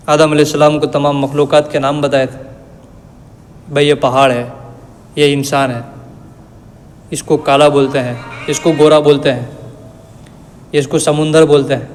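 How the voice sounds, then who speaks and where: A man giving a religious lesson, reciting verses slowly and then explaining them in plain everyday words. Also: on the high side. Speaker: Quran teacher. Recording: long reverb.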